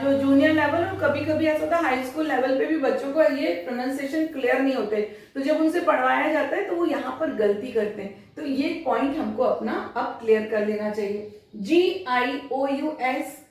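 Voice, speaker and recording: A woman teacher giving a lesson, explaining step by step and repeating example words slowly. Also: sits high. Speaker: English teacher. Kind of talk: classroom-style lesson. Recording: distant mic in a very echoey room.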